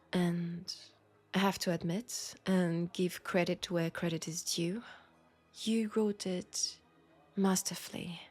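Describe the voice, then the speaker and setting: A woman with a lowish voice and a French accent takes the role of a lonely, seductive, ancient female vampire in intimate audio roleplay. Her delivery is deliberate and soft, tender and grave, repeatedly slipping toward a whisper.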